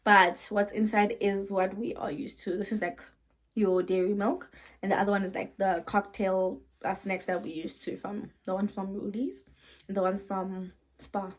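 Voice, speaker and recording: A woman with a South African accent chatting casually in a vlog, talking quietly with relaxed fillers and asides. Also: medium pitch, normal speed. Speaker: vlogger.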